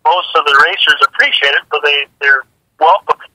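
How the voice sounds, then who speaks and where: A woman's voice: low voice, a little fast, bright, forceful tone, dry recording, rough recording. A woman who drives jet dragsters, chatting casually in an interview, repeating words and laughing easily.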